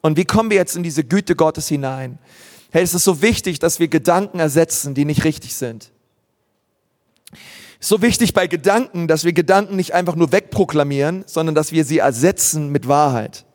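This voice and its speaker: A male pastor delivering a sermon, earnest and emphatic, who drives his points home by repeating them. His voice sits fairly high for a man. The sound carries a long echo, as if from a big hall. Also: normal speed, darkish tone.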